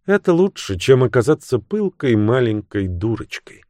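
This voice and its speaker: A man reading the part of a cool, sharp-tongued young woman in an audiobook, raising his voice for her cutting, mocking lines. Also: medium pitch, very animated, moderate pace, no echo, clean studio sound, pitched above the performer's own voice, close to an everyday voice.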